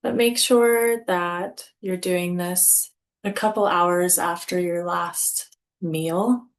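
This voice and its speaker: Leading a yoga nidra session, this female instructor talks in a fairly low register. Her delivery is calm and measured, with brief, deliberate phrases and pauses between them.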